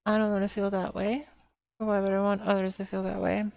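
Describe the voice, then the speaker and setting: A woman's voice: mid-range voice, little pitch movement, a little fast, vocal fry, a little mellow, dry recording. A woman streaming a video game, chatting casually, laughing often and swearing freely. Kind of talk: casual gameplay commentary.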